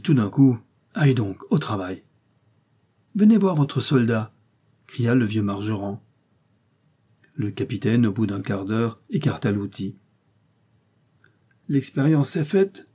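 A man reading a short story aloud as narrator, in a measured storytelling manner that lifts for the quoted dialogue. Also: fairly low pitch, dark tone, slightly rough.

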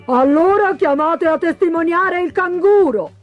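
A woman's voice: sits high, slow, narrow, tinny audio, faint music behind, pitched above the performer's own voice. Woman doing a pompous pelican. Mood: indignant. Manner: declaiming, indignant. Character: pompous pelican prosecutor bird.

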